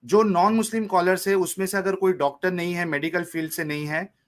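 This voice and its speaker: A man's voice: high-pitched, fairly even intonation, brisk. A man hosting a heated live-stream debate, interrupting and mocking the caller.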